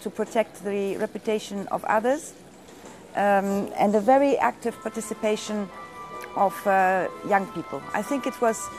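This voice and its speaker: A woman's voice: mid-range voice, normal speed, a little mellow. Composed woman organizer, light music. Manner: composed, with some fillers. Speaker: event organizer. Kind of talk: interview answer.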